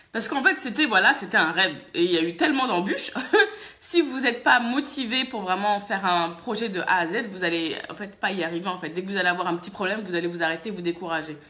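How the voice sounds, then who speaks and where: A French woman vlogger from France, telling a casual, chatty story and laughing often. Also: mid-range voice. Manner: lively, chatty, laughs often, many fillers. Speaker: vlogger and hair-care business owner.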